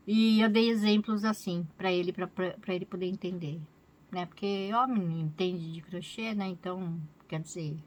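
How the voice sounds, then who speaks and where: A woman's voice: fairly low pitch, steady tone, unhurried, a little mellow. Woman, Brazilian Portuguese accent, crochet vlogger, casual rambling chat, frequent tag questions. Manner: rambling, chatty, keeps adding "né?".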